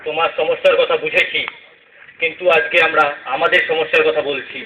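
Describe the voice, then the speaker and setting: A man's voice: a little high, level tone, a little fast, highs cut off, close to an everyday voice. A man playing a thirsty, worried male traveler in a stage play, asking anxious questions. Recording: echoey room with faint noise.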